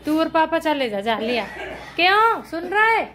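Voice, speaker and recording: A woman's voice: extremely high pitch, sing-song, moderate pace, a bit bright, a little hiss or hum, low-quality recording. A woman in her thirties filming a family vlog, coaxing and soothing her crying children in casual talk. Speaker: vlogger and mother.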